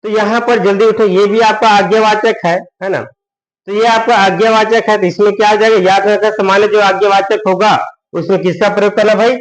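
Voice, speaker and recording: High-voiced Hindi-speaking grammar teacher. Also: male voice, little pitch movement, brisk, poor audio. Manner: repeats "है ना" and asks questions he answers himself. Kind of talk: Hindi-medium grammar lesson.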